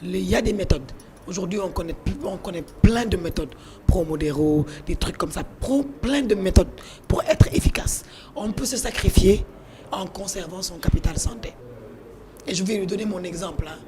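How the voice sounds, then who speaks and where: A woman life coach with a Senegalese accent and a hoarse, croaky, witch-like voice, giving motivational advice on a talk show. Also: on the low side, brisk, background noise.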